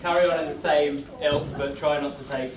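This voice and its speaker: A man's voice: a little high, fairly even intonation, normal speed, a loud crowd. A man giving a scripted wedding toast as best man, joking in a self-deprecating way. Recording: echoey room, distant mic, noisy venue.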